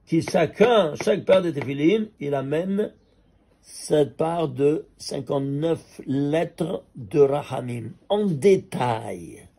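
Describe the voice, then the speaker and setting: A man, a rabbi, teaching an animated Torah class, pressing his listeners with rhetorical questions and chuckling with excitement over number calculations. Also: fairly high pitch, slow pace, vocal fry.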